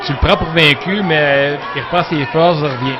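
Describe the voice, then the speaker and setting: Male colour commentator, Quebec accent, highish pitch, casual and joking, crowd in the background. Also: fairly even intonation, moderate pace, highs cut off. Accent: Quebec French. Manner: colloquial, joking. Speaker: guest-style colour commentator. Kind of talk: casual live sports commentary. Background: music and crowd.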